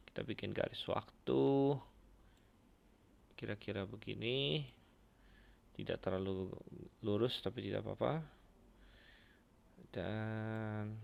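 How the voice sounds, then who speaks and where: A man teaching an online Bible class, unhurried, pausing often with fillers. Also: lowish voice, creaky, lo-fi sound. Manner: unhurried, with many fillers and hesitations.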